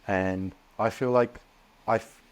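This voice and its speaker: A young man speaking as a podcast guest, earnest and animated, often restarting his sentences. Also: lowish voice, slow. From Australia. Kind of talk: casual podcast interview.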